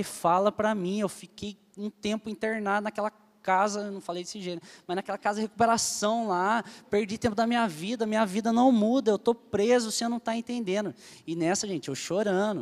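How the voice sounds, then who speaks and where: A man's voice: high-pitched, big-room sound. A young man from Brazil giving an emotional personal testimony as a church leader, telling his story earnestly and animatedly to the group.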